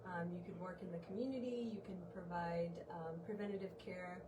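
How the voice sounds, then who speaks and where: A woman's voice: fairly low pitch, steady tone, fairly quick. A woman in her twenties from Uganda, a medical student volunteer, answering interview questions in a hesitant way with many ums. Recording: distant mic with background noise.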